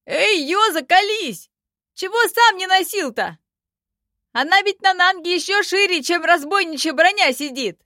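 A shrill, prying young man from a fantasy storybook, as a woman puts him on. His voice jumps very high and loud with every suspicious question. It sounds close and dry. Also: expressive, moderate pace, no room sound, full character voice. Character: nosy sharp-eyed young male companion.

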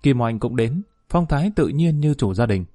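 A man narrating a story audiobook in a measured, even manner. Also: medium pitch.

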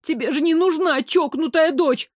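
A woman's voice: moderate pace, dry recording, clean studio sound, lightly acted. A woman voicing a panicky young heroine. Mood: frightened, snappy. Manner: wailing and high-strung. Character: panicky young woman, frightened, sharp-tongued. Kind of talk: audiobook character voice.

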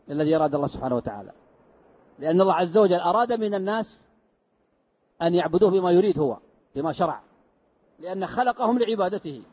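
A sheikh teaches Quran commentary in a mosque lesson, explaining step by step and answering his own rhetorical questions. His voice sits high and is slightly rough, and the lesson recording is dull and lo-fi.

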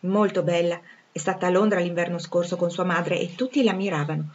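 A woman voicing a warm-hearted young former nursemaid, talking in an eager, gossipy, affectionate way, in a dull lo-fi recording. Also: fairly low pitch, fairly even intonation, brisk, close to an everyday voice. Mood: chatty.

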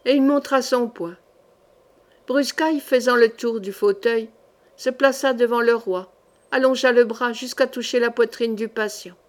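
A woman's voice: on the high side, measured pace. French woman reading a historical novel. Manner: steady expressive storytelling, voicing the characters lightly. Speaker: audiobook reader.

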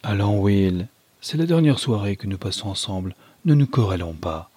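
A man voicing a gentle, firm young woman. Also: on the low side, expressive, moderate pace, husky, no echo. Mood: gentle, pleading.

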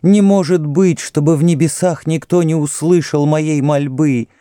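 A man's voice: extremely slow, mellow, no room sound, studio quality, heavily acted. A man reading an audiobook, voicing a grief-maddened young mother who screams and wails. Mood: anguished wailing. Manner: screaming, sobbing, raised to a shrill cry.

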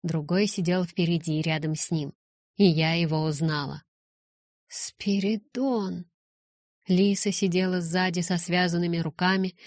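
A woman reading a first-person audiobook in a measured way, breaking into urgent shouts in her own dialogue. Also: fairly low pitch, no room sound, clean studio sound. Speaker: audiobook narrator.

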